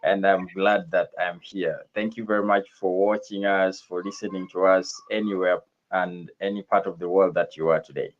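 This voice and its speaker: A man from northern Uganda, speaking as a guest on a talk radio show in a measured way, with frequent fillers. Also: low voice, fairly even intonation. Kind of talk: conversational interview. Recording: dull lo-fi sound.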